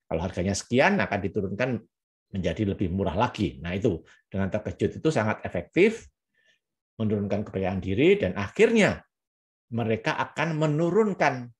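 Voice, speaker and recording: A man with an Indonesian accent teaches negotiation in an explanatory, repetitive way. His mid-range voice moves a lot in pitch, and he often stops to act out surprised exclamations. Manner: repeats key phrases, acts out surprised exclamations. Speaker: negotiation trainer. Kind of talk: explanatory lesson.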